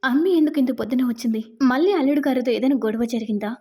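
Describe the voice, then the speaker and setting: A kindly father full of worry, asking soft consoling questions, as a woman narrator reads his lines. The voice sits high. It is a gentle, everyday read rather than a big character voice. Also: quick pace, breathy edge. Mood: concerned.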